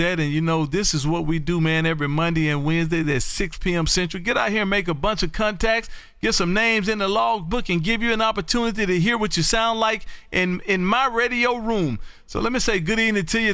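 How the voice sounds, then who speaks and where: A man's voice: high voice, creaky, bright, forceful tone, smooth, no echo. A man from Texas hosting a livestream as an amateur radio operator, chatting in a folksy, exclamatory way and repeating his phrases. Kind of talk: animated on-air ham radio chat.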